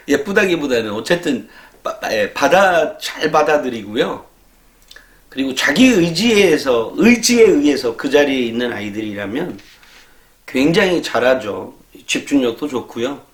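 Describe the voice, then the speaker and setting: A man lecturer telling a casual story, acting out scolding students with quick laughs. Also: mid-range voice, roomy sound. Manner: animated, acts out exasperated scolding of students with laughs. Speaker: education lecturer.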